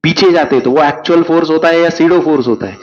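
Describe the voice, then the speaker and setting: This is an exam crash-course lecture from a male physics teacher who keeps questioning his students as he coaxes them through exam problems. His voice sits on the high side and moves fast, captured in a muffled recording.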